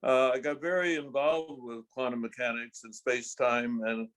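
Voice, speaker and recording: A man's voice: mid-range voice, steady tone, normal speed, fairly bright tone. A man in the audience sharing an earnest point of view, taking his time to get to it. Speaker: audience member. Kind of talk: asking a question at a Q&A.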